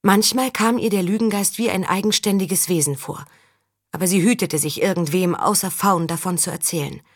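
A woman reading a historical novel aloud in calm, even storytelling. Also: fairly low pitch, moderate pace, slightly rough, dry recording, studio quality. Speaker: audiobook reader. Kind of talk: scripted narration.

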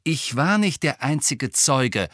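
A man's voice: mid-range voice, sing-song, slow, fairly bright tone, dry recording, studio quality, voice pushed up. A man voicing an angry, defiant teenage boy who talks in a hissing, heated way in a storybook reading.

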